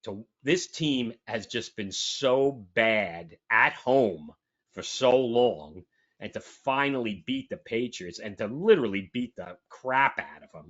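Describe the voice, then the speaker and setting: A man co-hosts a sports talk show, chatting casually and emphatically in a rambling way with frequent restarts. His voice is lowish and fairly bright. The audio is dull and lo-fi.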